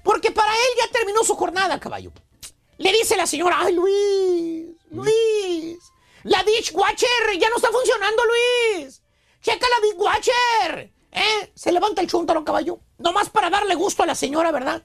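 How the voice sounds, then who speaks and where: A man voicing a squeaky, rambling know-it-all with a Mexican accent in a radio comedy sketch, mocking and lecturing his buddies. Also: normal speed, fairly bright tone. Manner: mocking, rambling, keeps saying caballo. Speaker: radio show regular.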